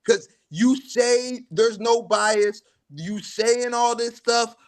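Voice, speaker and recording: Pushy high-voiced male debate host. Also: steady tone, slow. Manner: pushy, cuts in, repeats himself. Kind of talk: heated casual debate.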